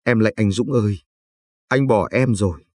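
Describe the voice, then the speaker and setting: A desperate young wife and mother who begs and pleads in quick, tearful bursts, read by a man in a low husky voice. She speaks from a dry, close-sounding storybook reading. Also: darkish tone, dry recording, close to an everyday voice. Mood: begging.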